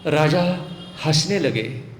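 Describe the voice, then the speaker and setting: A man's voice: fairly high pitch, animated, takes it slowly, slight background noise. A man, a monk, preaching by dramatically retelling a story and often checking in with his listeners. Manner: dramatic, emotional, asks audience for agreement. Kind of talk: storytelling sermon. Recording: echoey hall with long reverb.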